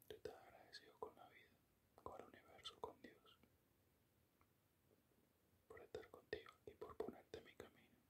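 A man in a whispered role-play as an affectionate boyfriend, speaking tenderly and intimately in a soft, breathy whisper close to the microphone. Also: moderate pace, pauses often. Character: affectionate, doting boyfriend murmuring sweet praise. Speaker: ASMR performer playing a boyfriend. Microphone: close-up microphone, at the ear.

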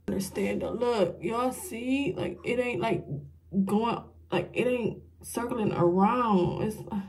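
A young woman with a slightly high voice talks slowly through a casual get-ready-with-me beauty vlog. Addressing viewers directly, she sounds frustrated and self-mocking as things go wrong for her.

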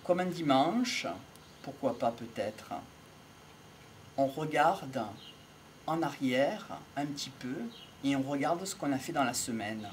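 This middle-aged amateur lecturer reflects aloud on psychology and philosophy without a script, his medium-pitched delivery slow, measured and broken by pauses between short phrases. He's outdoors in an open field by trees, using a small wired mic held close to his mouth, and a little hiss or hum is audible.

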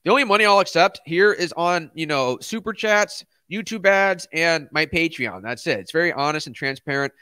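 Speaking into a close studio mic, a middle-aged man runs a casual crypto livestream, reading chat and responding in a blunt, emphatic rant with slangy asides. His fairly high voice is bright, forceful and clean, with lively intonation. He talks at normal speed with few pauses, and the sound is dry.

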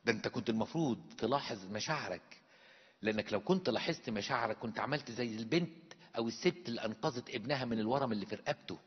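A man's voice: medium pitch, quick pace, slightly rough, big-room sound, dull audio. A male priest with an Egyptian accent, preaching an emphatic sermon full of rhetorical questions. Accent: Egyptian Arabic. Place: church.

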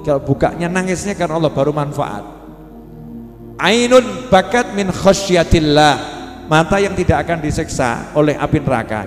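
Male preacher with a Javanese accent, folksy and joking, fairly high voice, roomy reverberant hall sound. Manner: folksy and humorous, mixing in Javanese words. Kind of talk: sermon. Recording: echoey hall with music.

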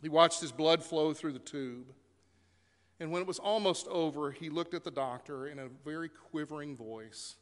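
A man's voice: a little high, normal speed. A man preaching a sermon as pastor in a church sanctuary, telling stories in a conversational way with occasional fillers. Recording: long reverb of a church sanctuary.

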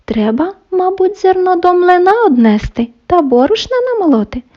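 A woman voicing two lazy, playful little mice in a bedtime story, with squeaky voices. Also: sing-song, normal speed, muffled recording. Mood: carefree.

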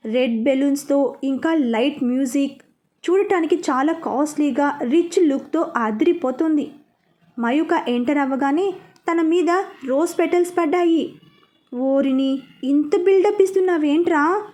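A woman's voice: high-pitched, measured pace. A woman narrating a serialized story, reading every part expressively. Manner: expressive, lively reading of all parts.

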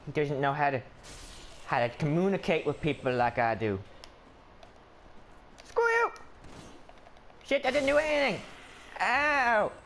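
A man's voice: medium pitch, normal speed, slight background noise, natural voice. A man voicing a skittish, whiny little male adventurer in let's play commentary, rambling and stammering, yelping whenever something attacks. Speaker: gameplay commentator.

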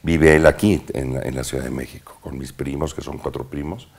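A man with a Mexican accent, an actor telling animated anecdotes from his youth as a guest in a casual interview, using slang and sound words. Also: extremely low pitch, a little fast, vocal fry, breathy edge. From Mexico, Veracruz.

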